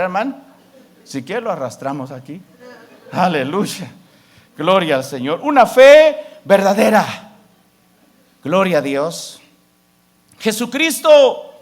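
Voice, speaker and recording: A man preaching a sermon as pastor, often addressing the congregation as brother, swinging between loud declarations and soft asides. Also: high voice. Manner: preaching with sweeping rises and drops, calling out "hermano".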